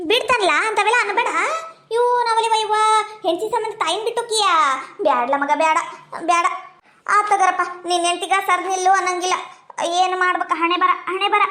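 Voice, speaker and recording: A woman's voice: extremely high pitch, steady tone, moderate pace, long pauses, sharp tone, reverberant. A woman with a North Karnataka accent playing a grumbling, coughing old village mother-in-law in a comedy skit. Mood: scolding. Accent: North Karnataka Kannada.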